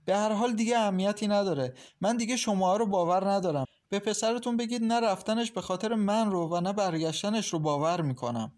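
A tired young wife who holds her ground, firm and aggrieved, voiced by a man reading an audiobook. Her voice is lifted higher than plain narration. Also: few pauses, a little mellow, natural voice. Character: young woman, weary and resolute.

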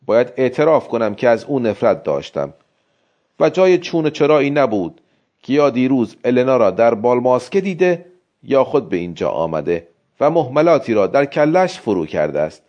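Expressive man narrating a story. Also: medium pitch. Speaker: audiobook narrator. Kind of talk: literary narration in first person. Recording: dull lo-fi recording.

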